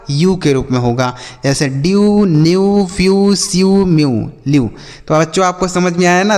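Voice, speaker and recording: A man's voice: high-pitched, big-room sound. Man teaching phonics. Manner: spells words letter by letter, asks "what will we read?" and answers himself; calls listeners "children". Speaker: English reading teacher. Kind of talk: classroom-style phonics lesson.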